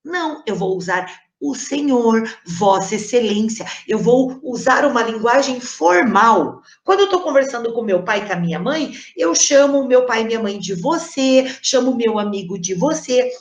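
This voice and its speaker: Teacher lady explaining stuff slowly, keeps checking in w the class, kinda high voice, echoey room. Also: animated. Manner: explains patiently, often checking with "certo?". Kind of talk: recorded online class explanation. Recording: roomy echo.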